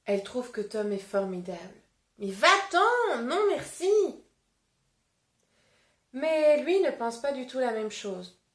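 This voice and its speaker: A woman teacher reads a children's book and breaks words into syllables, speaking very slowly and clearly. Her voice is fairly high and swings lively up and down. The room adds a noticeable echo. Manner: slow, clearly articulated, animated teacher voice. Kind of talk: interactive storybook reading and phonics lesson. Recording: roomy echo.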